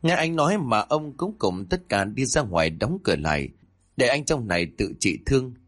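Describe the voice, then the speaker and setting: A man narrating a ghost story with an animated reading manner. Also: medium pitch, moderate pace, no echo, clean studio sound.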